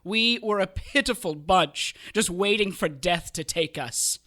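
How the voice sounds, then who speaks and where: In an audio drama, an actor plays a sadistic sorcerer and former soldier, delivering a grim storytelling monologue with taunting, theatrical, gleeful menace. The voice is medium-pitched, pushed, and bright, at a measured pace.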